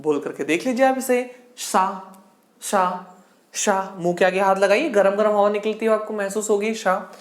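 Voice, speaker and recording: A woman teaching a Hindi grammar lesson for exam prep, asking a question and then answering it herself, and drilling sounds aloud slowly. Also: mid-range voice. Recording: echoey room.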